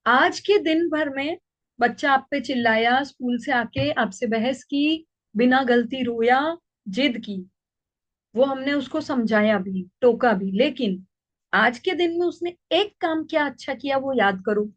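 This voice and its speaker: Woman, high-pitched, parenting coach, calm patient teaching, muffled lo-fi sound. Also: measured pace. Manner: calm, patient, explains with worked examples. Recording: dull lo-fi recording.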